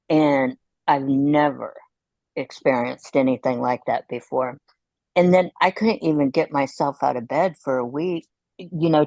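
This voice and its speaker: A middle-aged woman talks as a guest on a video call, with a low voice and a dry, close sound. She tells her stories in a chatty way and laughs often. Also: darkish tone, no room sound, lo-fi sound. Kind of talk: casual chat.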